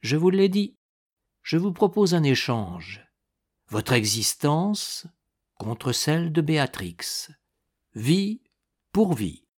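A man reading an audiobook and voicing a mysterious old woman seer who speaks slowly, gravely and insistently. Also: fairly high pitch, very animated, pitched above the performer's own voice, full character voice. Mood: cold bargaining.

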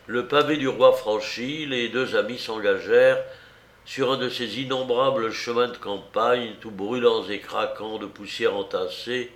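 Man reading an old novel aloud, steady and deliberate, roomy echo. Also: lowish voice. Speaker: narrator. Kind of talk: audiobook narration of classic fiction.

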